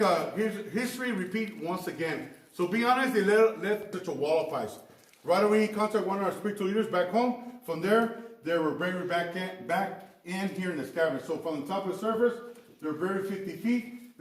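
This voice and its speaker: A man working as a cave tour guide, talking to visitors in a halting way with repeated words. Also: high-pitched. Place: underground cavern. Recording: echoing cave, distant mic, faint noise.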